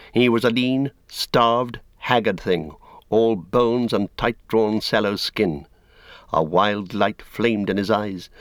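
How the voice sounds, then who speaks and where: Low-voiced male storybook narrator. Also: fairly bright tone, no echo, studio quality. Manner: measured, dramatic storytelling. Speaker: audiobook narrator. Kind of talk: scripted narration.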